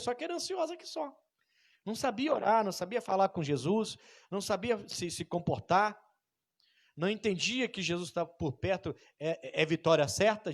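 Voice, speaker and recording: A male pastor preaching a sermon in an animated way, acting out scenes and calling for amens from the congregation. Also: sits high.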